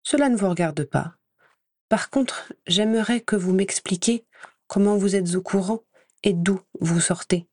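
A woman reading an audiobook voices a sneering, spiteful male professor who speaks slowly and mockingly. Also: mid-range voice, darkish tone, no echo, natural voice. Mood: scornful. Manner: slow, scornful, mocking.

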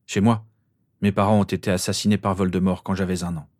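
A man's voice: low-pitched, little pitch movement, a little fast, a little mellow, dry recording, close to an everyday voice. A man voicing an earnest teenage boy explaining where he comes from.

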